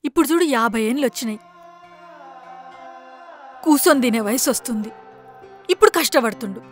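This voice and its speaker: A distraught mother, played by an actress, scolds and pleads with her son in a high, emotional voice. Her Telangana accent colors every line of this web series drama, with faint music beneath. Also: lively intonation, brisk, natural voice. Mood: pleading. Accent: Telangana Telugu.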